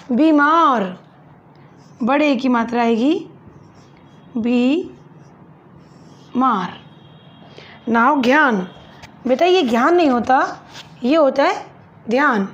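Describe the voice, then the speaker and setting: A school teacher gives an online Hindi lesson to young pupils in a high, expressive voice, speaking slowly and patiently. She spells words syllable by syllable, calls the children "beta", and asks and answers her own questions. The lo-fi audio is slightly muffled.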